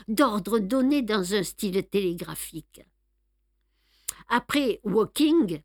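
Female radio reader, unhurried and measured, close dry sound. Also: a little high, no room sound. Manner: measured, careful storytelling. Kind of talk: audiobook reading.

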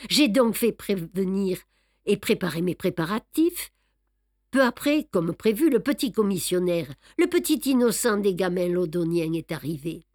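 A woman's voice: mid-range voice, no room sound, clean studio sound. A woman putting on a smug older male detective. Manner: boastful, explaining, lively emphasis. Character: fussy, self-satisfied older male Belgian detective. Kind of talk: audiobook reading.

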